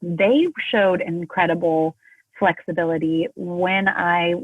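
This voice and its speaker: A woman speaking as a podcast guest in casual conversation, reflective and slowing down to stress key words. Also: fairly low pitch, breathy edge, no echo. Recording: dry, phone-like remote line.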